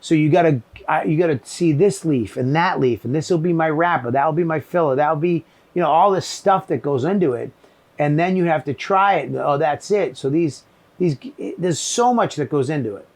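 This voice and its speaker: A man's voice: a little high, a little fast. A man with a Boston accent, rambling and swearing as he chats casually about cigars, often groping for words. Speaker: podcast host, comedian. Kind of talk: casual chat. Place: shed with cigars.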